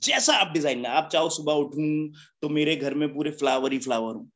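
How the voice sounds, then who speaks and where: Brief: a male motivational speaker with a fairly high voice, addressing a business meeting in a chatty, joking way and leaning on rhetorical questions. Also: animated, moderate pace, fairly bright tone. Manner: rhetorical questions with a constant "है ना?" tag; chatty, joking, laughs at his own points. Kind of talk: motivational seminar talk.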